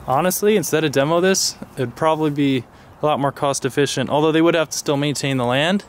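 A relaxed young man talks through what he sees as he explores, chatty and easygoing. He is recorded on a camera mic outdoors and in empty rooms, with a faint hiss of background noise. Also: a little high, fast talker. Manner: relaxed, chatty, narrates finds. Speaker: urban explorer host. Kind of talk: casual exploring chat. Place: abandoned housing complex, outdoors and in empty apartments.

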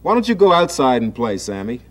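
A man reading a children's story aloud and voicing a sharp, scolding mother. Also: mid-range voice, sing-song, fairly quick.

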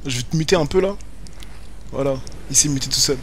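Chatting with viewers in slangy, joking banter, a young man streams a game from a room at home with a webcam. He speaks briskly in a fairly high voice, giving casual gaming commentary, and there's a little hiss or hum.

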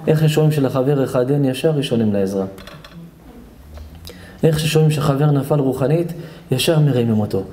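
A man's voice: mid-range voice, long pauses, slight background noise. A man, a rabbi giving an emotional, fervent sermon to a seated audience in a hall. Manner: fervent, repetitive, swings from soft to loud. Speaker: rabbi giving a Torah lesson.

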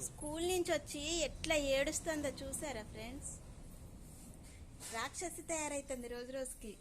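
A woman's voice: sits high, normal speed, noisy background. A woman films a casual home vlog and scolds and teases her child. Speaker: mother and home vlogger.

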